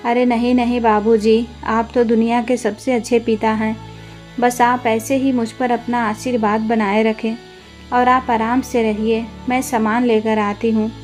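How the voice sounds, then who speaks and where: A woman voicing a meek young student who pleads gently with her family, with faint music behind. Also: on the high side, little pitch movement, a little slow, natural voice. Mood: pleading.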